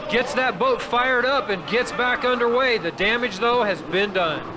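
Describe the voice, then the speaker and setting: A man's voice: extremely high pitch, moderate pace. A man working as color commentator on a race broadcast, offering reflective and admiring analysis between the calls, heard from a hissy worn tape copy.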